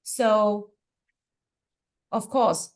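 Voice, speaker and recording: A medium-pitched woman, not a native English speaker, runs a webinar teaching session over a video call. She talks in a relaxed, conversational manner, often pausing on fillers and asking "right?".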